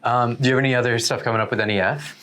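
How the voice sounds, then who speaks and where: A man's voice: medium pitch, steady tone, racing, a bit bright, slight background noise. A man working as an interviewer, asking short, casual questions in a post-fight interview.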